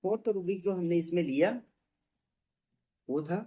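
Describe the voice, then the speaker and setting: A man with a slightly higher, mellow voice explains a patient's case as a doctor. He goes step by step, slowing down to repeat technical terms and correcting himself as he goes. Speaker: homeopathy doctor.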